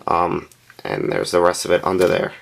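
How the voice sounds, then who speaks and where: A man with a deep, low-pitched voice walks through a scale model in a casual review. He speaks plainly and candidly, stopping often to fill gaps with small hesitations as he points things out. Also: animated, vocal fry. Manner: hesitant and unscripted, frequent "um" and "uh" pauses. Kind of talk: casual product review narration.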